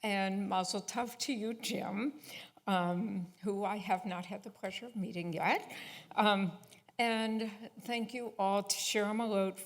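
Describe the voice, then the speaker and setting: A woman giving a tribute speech at a synagogue service while presenting an award, halting with frequent fillers. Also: medium pitch, steady tone.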